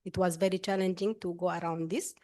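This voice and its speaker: A woman with a Sudanese accent introduces herself and her work to a group, speaking haltingly with pauses. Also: on the low side, flat delivery, a little mellow. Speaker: course participant, malaria researcher. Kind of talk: spoken self-introduction to a group.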